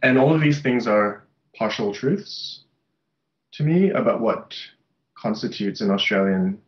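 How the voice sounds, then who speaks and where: Deep-voiced thoughtful young man. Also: animated, a little slow, highs cut off. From Malaysia and Singapore. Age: young adult. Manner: thoughtful, with many restarts and fillers. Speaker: artist and social worker. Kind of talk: reflective interview monologue. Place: small bright room indoors. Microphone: webcam at desk.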